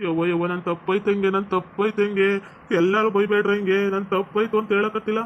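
A woman's voice: mid-range voice, little pitch movement, highs cut off, a little hiss or hum, natural voice. A woman playing a guilt-ridden young husband who pleads and pities himself in a North Karnataka Kannada accent. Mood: defensive. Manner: rapid, pleading, self-pitying. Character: guilty young husband fussing over his wife.

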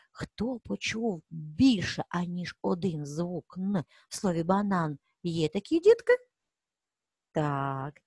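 Animated preschool teacher, woman. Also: mid-range voice, no echo, studio quality. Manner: lively, coaxing, stretches out words for children. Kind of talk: early-reading lesson for young children.

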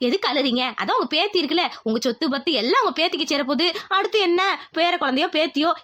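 A woman's voice: extremely high pitch, sharp tone. A woman voicing a brash, scheming woman in a cartoon who bosses others around to get an inheritance. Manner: brash, bossy. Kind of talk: cartoon voice acting.

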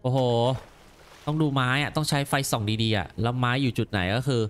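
A man commenting on a game as he plays, exclaiming and repeating words in quick excited bursts. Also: medium pitch, smooth. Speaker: gameplay commentator. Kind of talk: let's play commentary.

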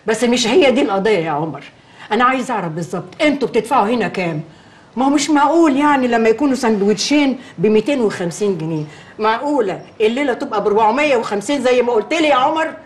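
A woman's voice: on the high side, animated, very fast, close to an everyday voice. An actress playing a middle-aged Egyptian mother who scolds stubbornly about money. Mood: indignant. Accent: Egyptian Arabic. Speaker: mother-in-law.

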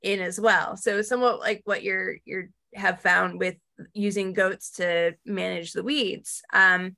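A woman's voice: mid-range voice, steady tone, unhurried, gravelly, sharp tone. A woman in her forties answering questions on a video call from her dining room, speaking hesitantly with many fillers. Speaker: guest speaker. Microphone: laptop webcam, video call.

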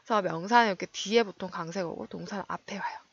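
A woman English teacher giving an online lecture, explaining word meanings and stress and modeling pronunciation slowly. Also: medium pitch, gravelly, husky, dry recording, dull audio.

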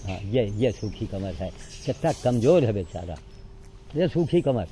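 A man's voice: fairly low pitch, big pitch swings, a little slow, warm tone, a little hiss or hum. An older man talking outdoors, coaxing animals he is feeding and giving chores to a helper in between. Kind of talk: casual outdoor narration.

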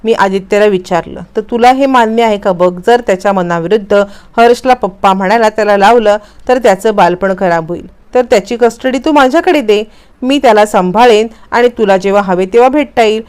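A woman voicing a calm, caring husband and father in a story recap, with a gentle, reassuring manner. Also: medium pitch, brisk, smooth, natural voice. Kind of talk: read-out dialogue in a story recap.

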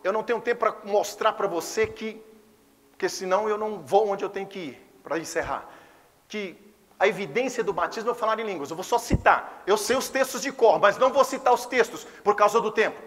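A man with a Brazilian Portuguese accent preaching a Pentecostal sermon as a pastor, impassioned, swinging between hushed and exclaiming passages. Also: high-pitched, a little fast, long reverb tail. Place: church service.

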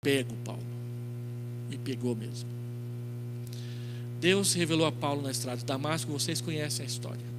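On a church stage indoors, a middle-aged pastor with a Brazilian accent gives an expository sermon through a handheld microphone, weaving in stories, quoted dialogue, and rhetorical questions. He speaks at a moderate pace with long pauses, his voice fairly high. Noticeable noise and mains hum run through the recording.

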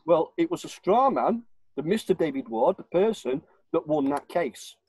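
Husky northern English older man, insistent. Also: a little high, lively intonation, normal speed, a little mellow, no echo, poor audio. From Warrington, northern England. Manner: emphatic, insistent, repeats his points. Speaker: guest. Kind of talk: video-call interview. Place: living room at home. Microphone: webcam on a video call.

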